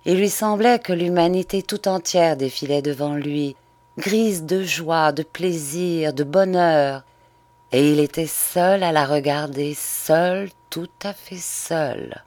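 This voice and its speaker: A woman narrating a literary audiobook in a measured, expressive way. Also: low voice, no room sound.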